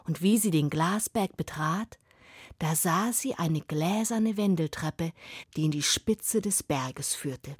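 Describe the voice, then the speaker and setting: A woman telling a fairy tale aloud, slow and expressive, sometimes dropping to a whisper. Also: deep voice, husky, no echo, studio quality. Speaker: storyteller.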